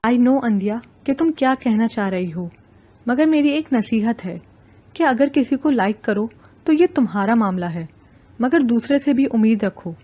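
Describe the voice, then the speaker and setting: A woman's voice: on the high side, animated, dark tone. A woman voicing a curt, aloof young male student who speaks brusquely and impatiently.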